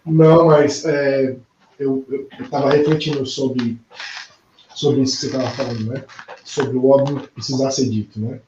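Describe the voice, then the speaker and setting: A man hosting an interview, speaking reflectively with halting restarts. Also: medium pitch, fairly even intonation, mellow, a little hiss or hum. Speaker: interview host. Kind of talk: conversational interview. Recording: roomy, dull lo-fi sound.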